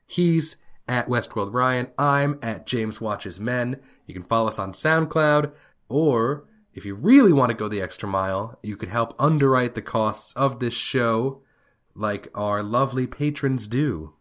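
A man's voice: mid-range voice, unhurried, a bit bright. Congested man hosting a podcast. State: congested with a head cold. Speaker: podcast host. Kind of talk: casual chat, reading listener messages.

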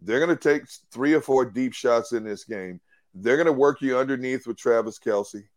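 A man's voice: medium pitch, normal speed. A man co-hosting a sports talk show, breaking down a football defense in an emphatic, analytical way with frequent restarts.

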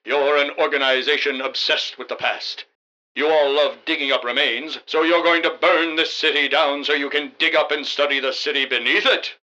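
A man plays a wisecracking, bumbling radio hero. His voice is raised and forceful, full of mock-heroic melodrama, with a slightly muffled, boxy radio-style sound. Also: fairly high pitch, fairly even intonation, normal speed. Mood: defiant, cocky. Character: earnest, bumbling, wisecracking male masked crime-fighting hero. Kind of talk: comic radio drama acting.

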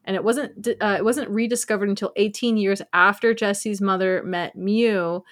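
A woman's voice: mid-range voice, steady tone, normal speed. A woman with a New Jersey accent, co-hosting a podcast in casual group chat. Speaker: podcast co-host.

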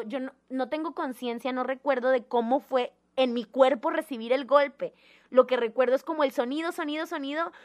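A young woman, telling a personal story in a casual, animated and dramatic way. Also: high-pitched. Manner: animated, dramatic, acts out the voices in her story.

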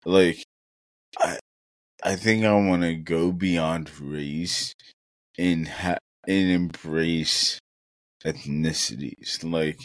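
Deep, slow-talking reflective man. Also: fairly even intonation, no echo. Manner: reflective, earnest, thinks aloud with many fillers. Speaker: podcast co-host. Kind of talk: casual podcast conversation.

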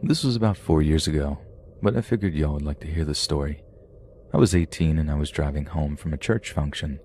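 A man hosting a podcast, reading paranormal stories aloud in a steady, measured storytelling manner. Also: extremely low pitch, a little hiss or hum. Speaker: podcast host.

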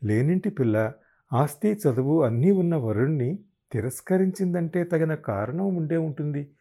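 A man narrating a serialized novel in a measured, unhurried storytelling manner. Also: on the high side, expressive, warm tone. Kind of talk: scripted audiobook narration.

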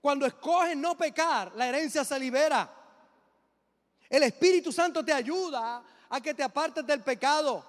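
A man's voice: very high-pitched, normal speed. A middle-aged man, a pastor, preaching a sermon with emphatic delivery and joking asides. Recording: long reverb of a large hall.

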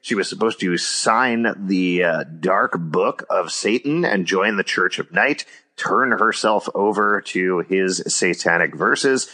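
A man's voice: low voice, slow pace, bright, forceful tone. A man co-hosting a podcast in casual, joking chat, laughing often as he recaps an episode at length. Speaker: podcast co-host.

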